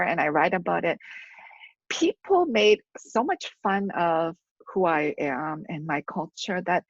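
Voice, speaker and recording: A woman theologian speaks earnestly in quick bursts over a video call, with plenty of fillers. The sound is dull and lo-fi, with a dry, close quality. She was born in Korea and raised in Canada. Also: on the low side, no room sound. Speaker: theologian, guest author. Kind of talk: live video-call book discussion.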